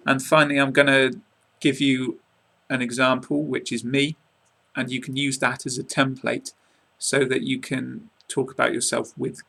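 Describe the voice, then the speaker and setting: Teaching online from a small room, a man in his twenties from England speaks into a close webcam with an English accent. He's clear and measured, dropping in casual asides, and his mid-range voice has a sharp tone.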